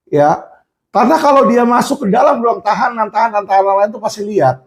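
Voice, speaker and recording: A man's voice: sits high, brisk. A man speaking out to viewers in an impassioned monologue, emphatic, often addressing them as friends and acting out the people he quotes. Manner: emphatic, repeats "teman-teman" and "ya", acts out quoted people in raised shouts.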